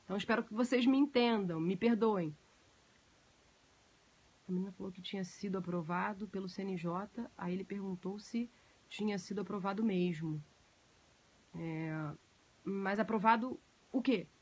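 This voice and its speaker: A woman's voice: medium pitch, normal speed, pauses often, a little mellow, slightly rough, muffled recording. A woman teaching a class on a live stream, explaining at length and chatting with viewers between points, with many fillers. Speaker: teacher of budget law. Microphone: phone.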